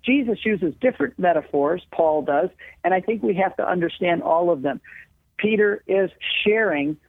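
A man's voice: high voice, expressive, normal speed, dry recording. A man, a guest on a radio show, heard over a phone line, explaining his points in an earnest, lecturing way. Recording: tinny dry phone line.

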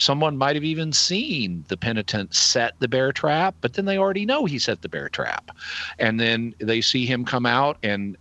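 A middle-aged man with an Arkansas Southern accent, explaining things conversationally in a deliberate, halting, analytical way. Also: medium pitch, fairly bright tone, no echo, muffled recording. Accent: Arkansas Southern American. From Arkansas, United States. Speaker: guest answering listener questions.

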